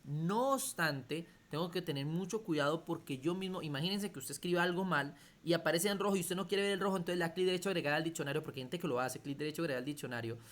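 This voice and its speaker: A man's voice: high-pitched, a bit bright. A man teaching a computer class over a video call, explaining step by step and often checking that students follow. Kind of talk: online class lecture.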